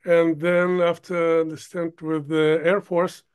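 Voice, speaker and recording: An older man from Ukraine, a producer, talking as an interview guest in a halting way, stopping often to search for words. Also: fairly high pitch, little pitch movement, darkish tone, smooth. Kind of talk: casual interview talk.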